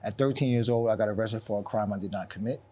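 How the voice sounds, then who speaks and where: Low-voiced guy from queens, soft reflective talk, lots of ums, forties. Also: fast, slightly rough. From South Jamaica, Queens, New York. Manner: reflective, soft-spoken, frequent ums and repeats. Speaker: guest. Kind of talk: candid interview.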